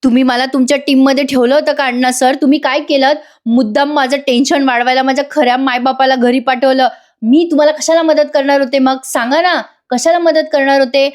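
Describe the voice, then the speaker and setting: A woman's voice: high-pitched, steady tone, a little fast, pitched above the performer's own voice, natural voice. A woman voicing an angry, desperate young woman who argues and pleads. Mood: indignant. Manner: indignant, pleading.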